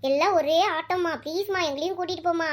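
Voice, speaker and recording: A squeaky, breathlessly fast little schoolgirl in a cartoon, forever whining and pleading, played by a woman. Her high voice wheedles over and over for what she wants. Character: whiny young schoolgirl daughter, pleading. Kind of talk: cartoon voice acting.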